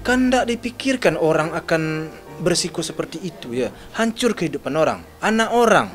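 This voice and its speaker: Seorang pria yang bercerita dengan gelisah, nada naik turun. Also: male voice, animated, normal speed, faint music behind. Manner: agitated, retells phone calls with shifting pitch. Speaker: interviewee, father of the victim's husband. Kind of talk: emotional interview statement.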